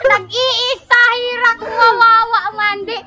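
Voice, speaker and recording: A woman, casually telling a personal story to a host, animated and laughing often. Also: high voice, normal speed. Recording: background music under the voice. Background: music.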